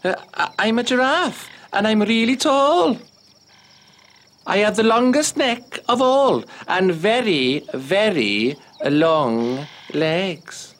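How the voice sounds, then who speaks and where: A squeaky, gangly giraffe. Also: male voice, animated, slow pace, fairly bright tone, slight background noise, exaggerated voice. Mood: proud. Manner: high, stretched-out, a little hesitant. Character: tall gangly giraffe, young and eager. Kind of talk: children's storybook reading.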